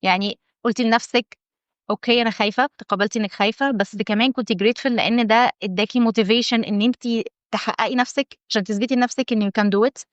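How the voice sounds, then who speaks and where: A woman's voice: fairly high pitch, fairly even intonation, quick pace, dry recording. A woman with an Egyptian Arabic accent hosting a casual interview, asking upbeat, curious questions and mixing in English phrases. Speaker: host. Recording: dull dry audio.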